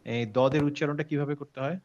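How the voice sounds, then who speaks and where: Guy teaching recitation over a video call, patient, keeps asking questions, kinda high voice, muffled lo-fi audio. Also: fairly even intonation, a little fast, a little mellow, a little hiss or hum. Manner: patient, checks understanding with questions, mixes in English words. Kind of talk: online class recap.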